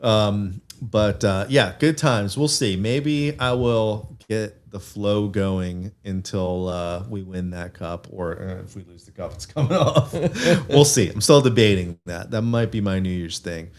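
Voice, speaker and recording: A man's voice: lowish voice, expressive, a little slow, hardly any pauses. Man, 30s, podcast co-host, rambling, self-amused, casual and live. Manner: rambling, self-amused, thinks aloud with many fillers. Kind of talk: casual fan podcast chat. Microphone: desk mic with camera, streaming live.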